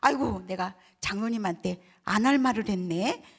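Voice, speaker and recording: A woman's voice: mid-range voice, moderate pace, husky. A woman in her sixties, a pastor's wife, giving a church testimony in a conversational storytelling way, asking the audience questions and acting out the voices of people in her story. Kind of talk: testimony at a prayer meeting.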